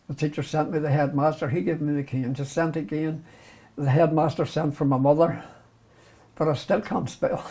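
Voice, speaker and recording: Here the older Northern Irish interviewee, a retired doctor with a Belfast accent, has a fairly high, slightly mellow voice. Reminiscing about his life, he stays self-deprecating and frequently lets out a chuckle.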